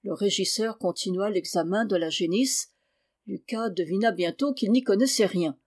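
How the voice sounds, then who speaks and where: A woman's voice: medium pitch, normal speed, a little mellow. Woman reading a classic storybook. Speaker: audiobook reader. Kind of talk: storybook narration.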